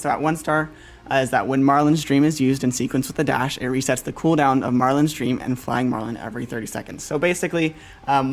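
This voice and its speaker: A man hosting a casual game livestream, upbeat and quick to laugh, with lots of fillers as he walks through weapon stats. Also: mid-range voice. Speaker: livestream host.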